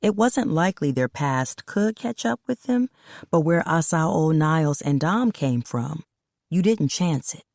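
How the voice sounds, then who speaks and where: A woman reading a story aloud as audiobook narrator, in a steady, matter-of-fact way. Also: deep voice, unhurried, vocal fry, dry recording, studio quality.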